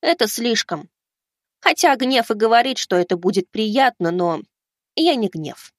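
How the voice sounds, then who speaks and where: A man's voice: high voice, expressive, a little slow, no echo, clean studio sound, pitched above the performer's own voice. A man reading an audiobook, voicing a cocky young boy fighter who talks in a taunting, sarcastic way. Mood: wry.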